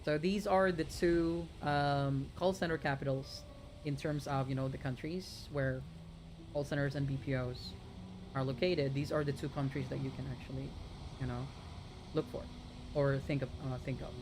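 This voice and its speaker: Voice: mid-range voice, fairly even intonation, normal speed, noisy background. A streamer from the Philippines chatting casually with live viewers, rambling with frequent restarts and talking straight to the audience. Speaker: gaming streamer.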